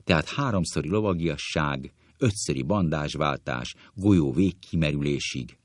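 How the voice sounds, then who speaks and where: A man voicing a calm, offhand gentleman who negotiates the terms of a duel and tries to smooth over a quarrel. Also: a bass voice, no echo, clean studio sound.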